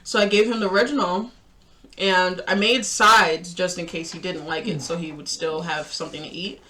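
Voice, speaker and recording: A woman's voice: fairly low pitch, fairly even intonation, normal speed, sharp tone, slight background noise. A woman hosting a casual reaction video, chatting and laughing often while she eats. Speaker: host.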